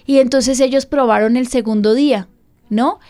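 A woman's voice: a little high, fairly even intonation, moderate pace, mellow, faint music behind. Earnest pleading woman pastor. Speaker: pastor and radio host.

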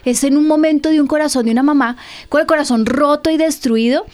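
Woman, pastor, radio host, fairly high voice, candid testimony, conversational. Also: a little fast, a little mellow. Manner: candid, conversational, asks listeners direct questions.

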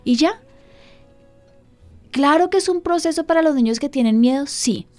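Woman pastor-host, earnest and pleading, slightly high voice. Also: animated, normal speed, darkish tone, soft background music.

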